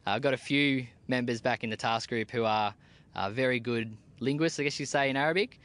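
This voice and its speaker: Speaking fairly quickly in a mid-range voice, a young Australian army team leader fields interview questions outdoors at a military base. His manner is laid-back and plain, peppered with slang.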